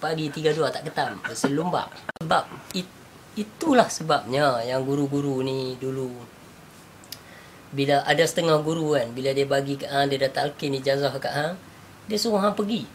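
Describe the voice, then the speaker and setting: A man's voice: medium pitch, moderate pace. A man with a Northern Malaysian Malay accent talks through a teaching tale in a casual chat. He voices the people in the story and laughs easily. Faint background noise sits under his voice. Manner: animated storyteller, acts out quotes, laughs often.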